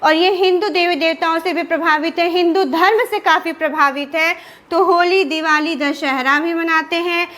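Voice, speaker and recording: A woman's voice: very high-pitched, steady tone, moderate pace, a bit bright. A woman teaching an exam-prep lesson, asking questions and answering them herself while repeating key terms. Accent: Indian Hindi. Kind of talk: classroom lecture with repetition and revision.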